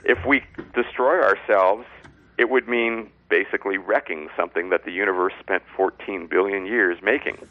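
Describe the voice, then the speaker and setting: Gravelly low-voiced man on phone-like line. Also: steady tone. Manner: measured, explains step by step in plain words. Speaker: science expert and author, interview guest. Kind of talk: explanatory interview talk.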